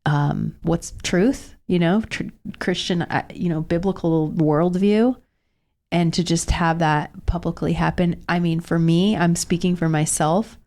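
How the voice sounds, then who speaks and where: A woman in her thirties co-hosts a casual podcast conversation, her lowish, slightly mellow voice holding a steady tone. A cold makes her sound a little nasal, and she speaks earnestly and reflectively, slowing down in places.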